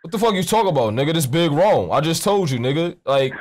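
His voice is on the high side with a darkish tone and lively intonation, and he talks fast. A young adult American streamer, he rambles nonchalantly through a prank call in profane street slang, seated indoors at his desk with a headset and a close, pop-filtered studio mic.

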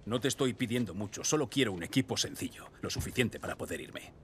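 An actor playing a weary middle-aged male survivor, speaking in a low, guarded, steady way in dubbed game dialogue. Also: quick pace, a little hiss or hum. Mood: tense. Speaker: game character.

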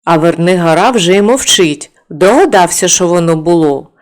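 A woman narrating a folk fairy tale for an audiobook with expressive storytelling. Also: fairly low pitch, normal speed.

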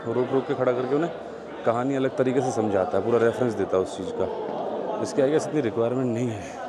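A man's voice: medium pitch, quick pace. A man filming a casual travel vlog as he walks a tourist cave, chatting and pointing things out to his viewers. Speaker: travel vlogger. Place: inside a busy tourist cave. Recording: crowd chatter behind. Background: crowd of tourists.

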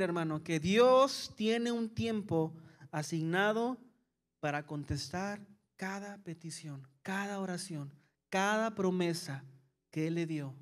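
A man preaching a sermon as pastor, acting out anxious prayers and answering them softly. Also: high voice. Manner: preaching with voiced-out anxious questions and soft calming asides.

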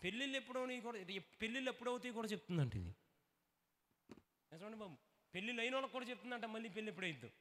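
A man preaching a lively revival sermon, calling for responses and acting out short comic dialogues. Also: sits high, rapid-fire, in a large hall. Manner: animated, acts out dialogues in put-on voices, calls for responses.

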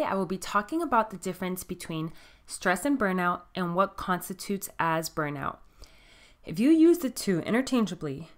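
A woman's voice: mid-range voice, fairly bright tone. Miami-accented woman hosting a podcast. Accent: Miami American. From Miami, United States. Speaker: podcast host. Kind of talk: scripted solo podcast talk.

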